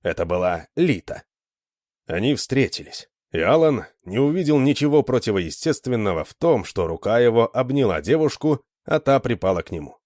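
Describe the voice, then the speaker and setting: A man narrating a story aloud in an expressive, animated way. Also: mid-range voice, normal speed, no room sound, clean studio sound.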